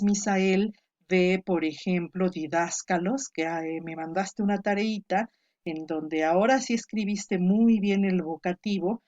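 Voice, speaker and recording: A woman's voice: medium pitch, dull audio. A woman giving an online grammar lesson, explaining patiently and calling on students by name. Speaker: teacher. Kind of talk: online lecture on Greek grammar.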